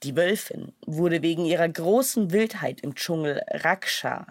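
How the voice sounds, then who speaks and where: A woman narrating a children's storybook in a calm, measured way. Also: low-pitched, no echo.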